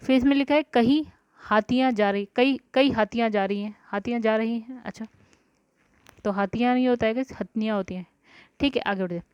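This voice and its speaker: A woman's voice: on the high side, brisk, darkish tone, clear, resonant tone, no room sound. A woman teaching an exam-prep grammar lesson, talking through each answer aloud with frequent check-in words. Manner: talks through answers aloud, often saying "ठीक है" and "guys". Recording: dry, dull lo-fi recording.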